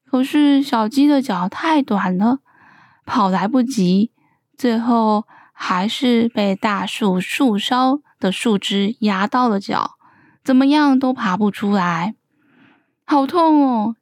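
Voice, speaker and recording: A woman narrating a children's story in a slow, gentle, expressive way. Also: fairly high pitch, dry recording, studio quality.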